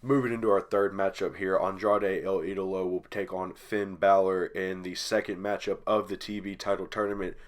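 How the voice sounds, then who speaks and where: A man's voice: sits low, level tone, normal speed, few pauses. Stuffy-voiced man calling wrestling play-by-play. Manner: hype play-by-play caller, rising loud on big moves. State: stuffy nose from allergies. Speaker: channel host. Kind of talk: play-by-play commentary over a wrestling video game.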